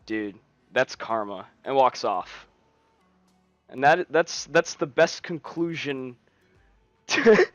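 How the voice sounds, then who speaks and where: A man's voice: medium pitch, dry recording. Rambling man telling a camp story. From United States. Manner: rambling, frequent restarts and fillers. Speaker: streamer telling a story to friends. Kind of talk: casual storytelling. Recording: dull lo-fi stream mic.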